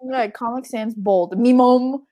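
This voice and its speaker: A woman's voice: a little high, expressive, unhurried, darkish tone, a little hiss or hum. A young woman co-hosting a casual podcast chat, teasing and wry. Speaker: podcast co-host.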